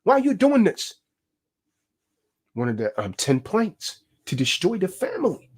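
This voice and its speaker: Man, preachy fiery lecture, high voice, lively swooping pitch, emphatic rhetorical questions. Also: measured pace, breathy edge. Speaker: speaker teaching about contracts.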